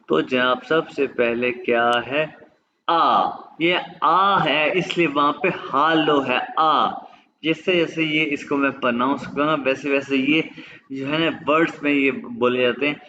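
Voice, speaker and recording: A man whose first language is Urdu, teaching a German lesson online and drawing out pronunciation drills slowly. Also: medium pitch, sharp tone, highs cut off, a little hiss or hum. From Pakistan. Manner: slow, drawn-out pronunciation drills.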